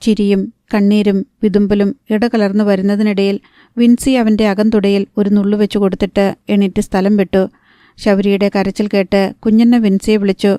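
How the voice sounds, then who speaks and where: A woman narrating a novel as an audiobook, calm and steady, on a close microphone. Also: medium pitch, normal speed, smooth, no echo.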